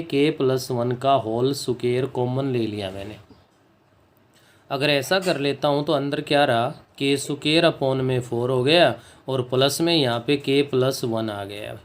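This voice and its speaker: A man teaching a maths lesson, working through a proof step by step and often checking in with his students. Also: mid-range voice. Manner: slow and deliberate, dictates English phrases word by word, checks in with students. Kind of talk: board-work maths lesson.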